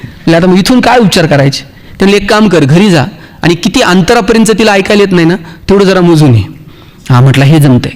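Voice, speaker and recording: A man with a Marathi accent delivers a motivational speech, and his voice sits noticeably high for a man. He tells humorous stories and acts out the dialogue of each character for his listeners. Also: animated, quick pace. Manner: storytelling, acts out dialogue, jokes with the audience. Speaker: motivational speaker.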